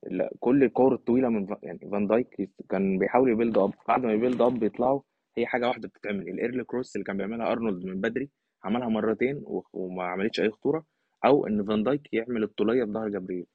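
With a husky, lowish voice, this Egyptian podcast guest races through emphatic, casual football opinions in Egyptian Arabic. The audio sounds thin and phone-like with some room.

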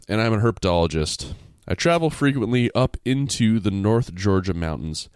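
A man's voice: on the low side, clear, resonant tone, no echo, clean studio sound. A man co-hosting a casual podcast, reading a story aloud with playful jokey asides. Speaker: podcast co-host reading stories.

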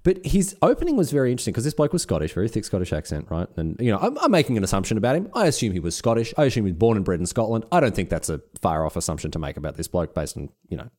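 A man with an Australian accent, co-hosting a podcast and telling stories in a casual, animated way with frequent restarts. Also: fairly low pitch, rapid-fire, few pauses. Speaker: podcast co-host. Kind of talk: casual chat.

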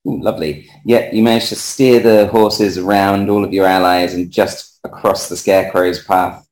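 A man narrating as game master of a tabletop game, relaxed and chatty with frequent hesitations. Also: low voice, moderate pace, roomy sound, low-quality recording.

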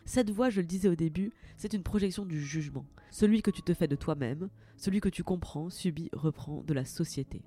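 A woman hosting a personal podcast, speaking directly to the listener in a lively, self-mocking way. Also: lowish voice. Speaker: podcast host.

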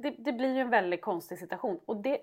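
A woman in her thirties with a slightly high voice talks in a casual podcast chat. She sounds earnest and thoughtful, pausing and feeling her way toward each point. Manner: earnest, reflective, searching for words. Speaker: podcast co-host.

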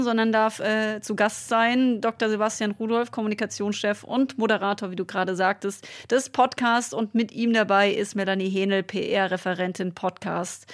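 A woman hosting a podcast, introducing guests and asking questions in a conversational way. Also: a little high. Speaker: podcast host, interviewer.

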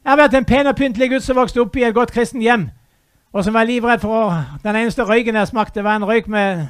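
A man preaching a fervent sermon, dropping to a hush and then rising to loud, urgent appeals. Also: very high-pitched, fairly even intonation, clear, resonant tone, no echo, studio quality.

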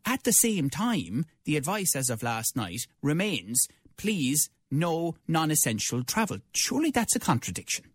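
A man's voice: on the high side, sing-song, moderate pace, breathy edge, no room sound, clean studio sound. An Irish man hosting a live current affairs interview, putting probing questions to a guest. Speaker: interview host.

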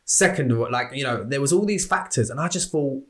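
Man, thirties, candid podcast guest, swears a lot, middle pitch. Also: a little fast. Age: 30s. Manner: candid, swears freely, animated storyteller. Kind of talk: casual chat.

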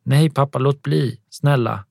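A man's voice: mid-range voice, vocal fry, darkish tone, no room sound, studio quality, pitched above the performer's own voice, lightly acted. A man voicing a frightened young girl who pleads and tries to sound cheerful. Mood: pleading.

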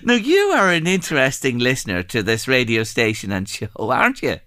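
A man's voice: mid-range voice, lively intonation, a little fast, sharp tone, no echo, studio quality. An Irish man hosting a radio phone-in, chatting in a conversational, effusive way. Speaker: radio host. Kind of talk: casual phone-in chat.

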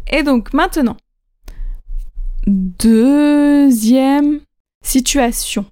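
A woman hosting a language-learning podcast, teaching pronunciation slowly and clearly, repeating key points and checking in with the listener. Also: high voice. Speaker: podcast host and French teacher. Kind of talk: slow, clear teaching talk.

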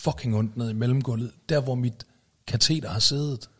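A man with a husky, slightly breathy voice talks in a loose, conversational way. He leans on tag questions and fillers and swears now and then, like a podcast co-host telling a story. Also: medium pitch, fairly even intonation. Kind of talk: casual chat.

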